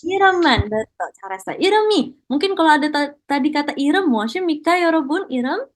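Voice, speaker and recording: A woman's voice: sits high, expressive, rapid-fire. A woman teaching Korean in an online class, encouraging students and mixing Korean praise into her explanations.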